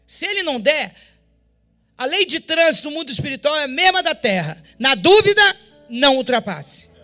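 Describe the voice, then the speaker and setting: Uma mulher com sotaque brasileiro prega seu testemunho diante da igreja, contando a história com muito drama e encenando cada diálogo. Ela ri com frequência e fala com energia. Ao fundo há uma música leve. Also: female voice, sits high, moderate pace, faint music behind. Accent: Brazilian Portuguese. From Brazil. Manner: animated, dramatic storytelling that acts out dialogue and often breaks into laughter. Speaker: pastor. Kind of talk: testimony preached to a congregation.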